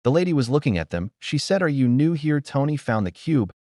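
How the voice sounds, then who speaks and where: This man's voice sits in the mid range, with a sing-song lilt, a slightly dark tone and a pace that runs a little fast. The studio-quality recording has no room sound. He retells a film's plot the way an amateur reviewer might, in short, choppy sentences that are loosely worded.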